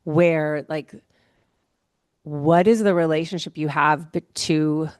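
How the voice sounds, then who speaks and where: A woman astrologer giving a casual monthly horoscope talk, rambling and relaxed, with many fillers and soft laughs. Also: low voice, slow, clean tone, no room sound, clean studio sound. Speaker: astrologer host.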